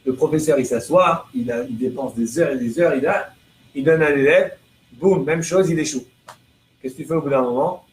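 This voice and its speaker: A man's voice: a little high, normal speed, faint music behind. A man, a rabbi, giving a religious lesson to a live class, asking rhetorical questions and translating prayer lines phrase by phrase. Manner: explains through chains of rhetorical questions. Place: room with listeners present. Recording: echoey room with faint background noise.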